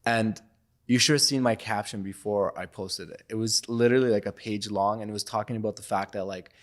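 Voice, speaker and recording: Young guy from iraq, bit low voice, chatty and thoughtful as a podcast guest. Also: steady tone, brisk. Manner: reflective, loose and conversational, many fillers. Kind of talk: casual interview talk.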